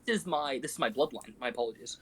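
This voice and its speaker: A man's voice: medium pitch, lively intonation, fast. A man playing a tabletop game, talking casually about his character's moves.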